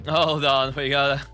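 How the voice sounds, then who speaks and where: A man live-streaming a game, reacting in an excitable way with crude jokes. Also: fairly high pitch.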